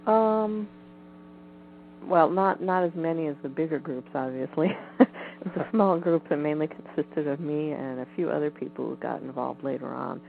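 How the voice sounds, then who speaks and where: A woman guest on a phone interview, speaking in a measured, hedging way with frequent ums. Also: low voice, creaky. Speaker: guest, Bigfoot researcher. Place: home in the woods. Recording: tinny phone line with faint hiss.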